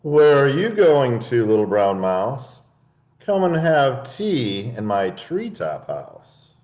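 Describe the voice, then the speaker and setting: A man's voice: mid-range voice, big pitch swings, takes it slowly, a little mellow. A man voicing a hungry owl from a storybook in a coaxing, hooting voice. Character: hungry owl, sweet-talking, in a treetop. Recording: echoey room.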